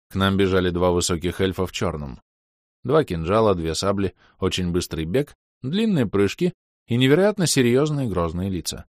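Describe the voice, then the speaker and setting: A man reading a fantasy novel aloud in a wry, lively storytelling manner. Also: fairly low pitch, no room sound, clean studio sound. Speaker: audiobook narrator. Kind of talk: scripted narration.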